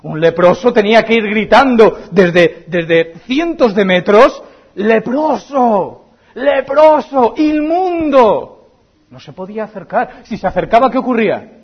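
A high-pitched, husky male preacher with a Spain Spanish accent delivers an impassioned sermon. He swings between ringing emphasis and hushed, intimate near-whispers. The recording sounds dull and lo-fi. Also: lively intonation, moderate pace.

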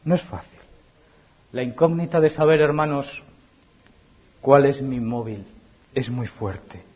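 A man with a Spain Spanish accent preaching a sermon, swinging from loud emphasis to hushed near-whispers. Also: medium pitch, expressive, takes it slowly, breathy edge, lo-fi sound.

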